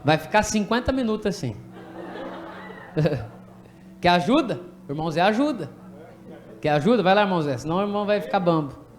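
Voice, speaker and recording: Animated high-voiced Brazilian pastor. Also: male voice, brisk, long pauses. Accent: Brazilian Portuguese. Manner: animated, jokey, directs people from the pulpit. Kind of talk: lively sermon with congregation re-enactment. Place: church.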